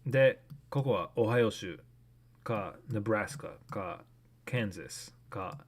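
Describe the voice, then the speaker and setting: Rambling low-voiced young man gaming. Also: slow pace. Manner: rambling, thinks aloud with many fillers. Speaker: streamer. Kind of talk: casual game commentary.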